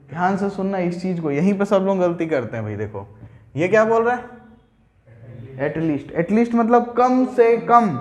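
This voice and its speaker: A young male math teacher with a fairly high voice talks students through a problem at the board. He speaks conversationally and keeps asking whether they follow. The room around him is echoey. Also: a little mellow. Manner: conversational, checks understanding, mixes English terms in. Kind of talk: whiteboard math lesson.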